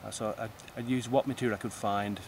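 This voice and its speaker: An older man speaks thoughtfully and precisely, sometimes breaking off a word to restart it. He is recorded outdoors, and clear traffic and street noise run behind his voice. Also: lowish voice, fairly even intonation, fast talker. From East Lancashire, England. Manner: thoughtful, precise, restarts words mid-phrase. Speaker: guest. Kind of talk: conversational interview.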